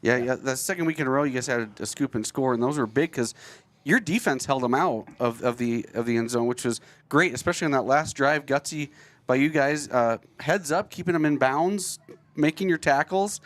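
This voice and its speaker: A man's voice: mid-range voice, brisk. A man, a sports broadcaster, giving chatty stat-driven postgame analysis.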